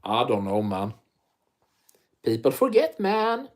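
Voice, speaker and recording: Speaking slowly, a man's medium-pitched voice swoops wildly up and down. He's a livestream host with a thick non-native accent, answering viewer comments in a loose, profane ramble and frequently beginning again.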